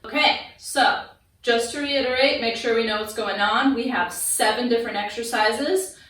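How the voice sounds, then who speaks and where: A woman's voice: on the high side, normal speed, fairly bright tone. A woman leading a workout class in fitness influencer style, giving instructional, encouraging cues and counts. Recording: echoey room, distant microphone.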